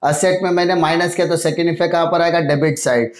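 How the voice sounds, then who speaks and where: A man's voice: on the high side, steady tone, fast talker. A male commerce teacher explaining an accounting problem step by step, mixing Hindi with English terms and asking and answering his own questions. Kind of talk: accounting lesson. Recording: echoey room sound.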